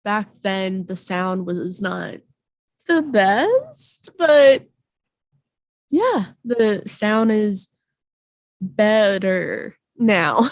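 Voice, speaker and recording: Woman podcast co-host, getting over a cold, very slow unhurried delivery, close dry mic. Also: medium pitch, expressive, no room sound. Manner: slow, drawn-out talk with frequent pauses. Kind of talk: casual chat. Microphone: podcast microphone.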